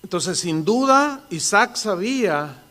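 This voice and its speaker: A man's voice: high voice, expressive, takes it slowly, sharp tone. A man in his sixties with a Mexican accent, preaching a sermon in an earnest, conversational storytelling manner.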